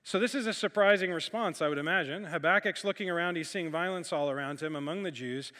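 A man with a high-pitched voice gives a sermon as a guest speaker. He reads scripture slowly and then explains it in plain, conversational talk. His voice rings out in a large hall with a long reverb. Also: sharp tone. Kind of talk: sermon teaching.

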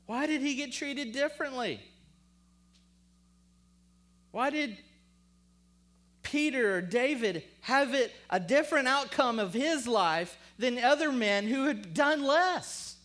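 A man preaching a sermon, emphatic and rhetorical, calling on the congregation, then lowering to a hushed voice when reading scripture. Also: animated, slow. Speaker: pastor.

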